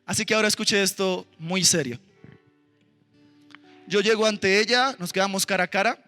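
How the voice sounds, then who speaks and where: Male missionary preacher, very high and piercing, animated storyteller; hall reverb, soft music under. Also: normal speed. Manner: animated storytelling, calls on the congregation to respond. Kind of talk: sermon testimony. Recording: roomy hall with music behind.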